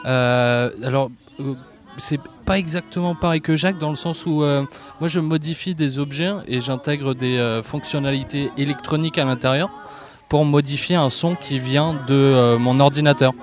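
Young man from southern France, festival radio guest, halting and relaxed, average pitch. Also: faint music behind. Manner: hesitant, many fillers, easygoing laughs. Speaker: guest musician. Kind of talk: live radio interview. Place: outdoor festival park.

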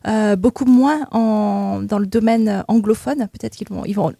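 Woman with a husky, dry voice. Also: mid-range voice, steady tone, unhurried, mellow, dry recording. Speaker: guest researcher. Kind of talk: casual chat.

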